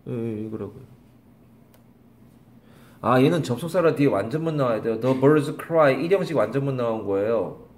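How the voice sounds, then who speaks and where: A man's voice: medium pitch, expressive, brisk, pauses often, darkish tone. A man teaching an English grammar lesson to a class, calling on students by name, repeating questions and scolding them. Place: small classroom.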